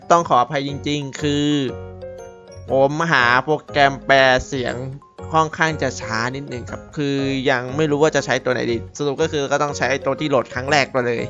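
A man's voice: on the high side, fairly bright tone, muffled recording. A man hosting a gaming channel, chatting casually while he plays, rambling, laughing and swearing now and then. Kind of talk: casual gameplay commentary.

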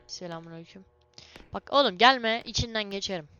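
Young woman, let's-play commentary, excitable, swears a lot, bright tense voice, dull lo-fi mic. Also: mid-range voice, fairly quick, clear, resonant tone. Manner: excitable, swears and yells at monsters. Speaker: gamer playing a horror game.

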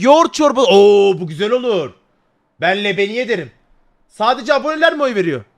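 A young man, chatting loudly and crudely with his live stream viewers, joking and swearing freely. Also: extremely high pitch. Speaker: livestreamer.

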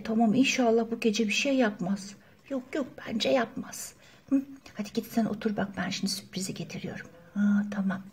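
A woman's voice: high voice, a little mellow, husky. A woman hosting a toy channel, playing girl dolls at a pajama party in chatty, gossipy voices. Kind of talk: doll play role-play.

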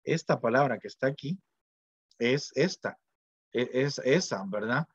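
Husky and medium-pitched, this middle-aged professor's voice has lively intonation and a measured pace as he wanders loosely through an informal lecture full of fillers and tag questions. The lo-fi recording is dull, dry, and free of echo.

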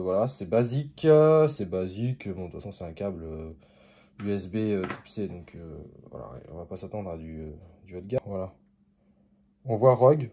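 Hesitant man with a mellow voice. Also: mid-range voice. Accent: non-native or regional French. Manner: hesitant, many fillers and restarts. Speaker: unboxing video host. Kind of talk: casual unboxing narration.

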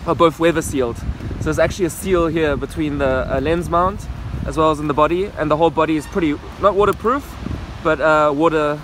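A man in his thirties, a photography vlogger with a voice on the high side, films himself at arm's length while talking upbeat and fast about his photo gear. The casual vlog is shot outdoors at night on a rainy city rooftop and street, and loud wind, rain and traffic are heard throughout.

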